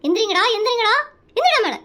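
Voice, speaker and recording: A performer voicing a frazzled young mother in a cartoon comedy, nagging and yelling threats at her sleepy son. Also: very high voice, very animated, fast, full character voice. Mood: scolding. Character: scolding frazzled young mother, shrill temper. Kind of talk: Tamil cartoon comedy dub.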